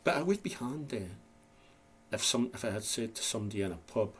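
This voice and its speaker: A man's voice: fairly low pitch, lively intonation, a little fast, slight background noise. A Scottish man vlogging in a casual, rambling, self-deprecating chat to camera, with a slight lisp. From Scotland.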